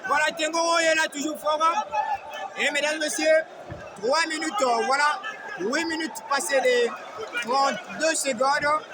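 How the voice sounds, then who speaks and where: A man giving excited, emphatic live boxing commentary like a ring announcer, often calling out names. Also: very high voice, a little slow. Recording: noisy live event with loud crowd. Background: crowd noise.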